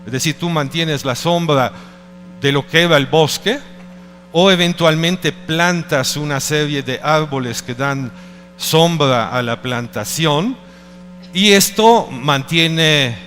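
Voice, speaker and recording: A man's voice: fairly high pitch, takes it slowly, a bit bright, faint music behind. Italian-accented man lecturing in a hall. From Italy. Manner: hesitant, searching for words with many restarts. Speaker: speaker at a conference. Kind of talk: presentation talk.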